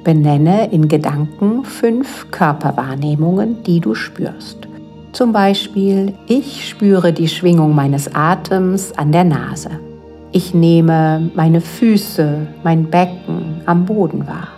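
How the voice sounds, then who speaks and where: A woman leading a guided mindfulness exercise as a yoga guide, speaking calmly and gently with unhurried pauses. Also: fairly low pitch. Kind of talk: guided meditation narration. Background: soft relaxation music.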